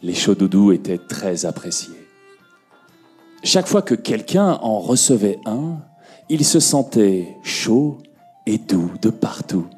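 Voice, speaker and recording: A man with a husky voice telling a fairy tale to a conference audience. He speaks slowly and very expressively, swinging his pitch up and down, with faint music behind him. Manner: slow, expressive, rising and falling for effect. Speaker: storyteller. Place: conference room.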